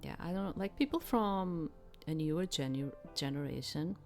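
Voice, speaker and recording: A woman's voice: low voice, animated, moderate pace, a little mellow, soft background music. A woman streaming a mystery game, not a native English speaker, chatting in a rambling way and reading the narration. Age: adult, grew up before handkerchiefs went paper. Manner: rambling, lots of "like" fillers.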